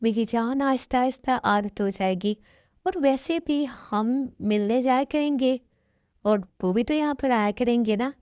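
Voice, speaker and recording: Fan-dub role: woman playing a gentle doctor husband, soothing and protective, slightly high voice, dry sound. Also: a little slow, no room sound, natural voice. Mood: tender. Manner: soft, coaxing and protective. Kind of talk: amateur fan-story dub.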